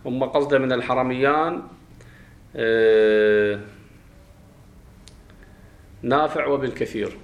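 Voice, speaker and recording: Iraqi sheikh teaching grammar in echoey room. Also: male voice, mid-range voice. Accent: Iraqi Arabic. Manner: explains slowly, quizzing students, chanting verses. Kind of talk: classroom grammar lesson. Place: classroom. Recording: roomy classroom echo.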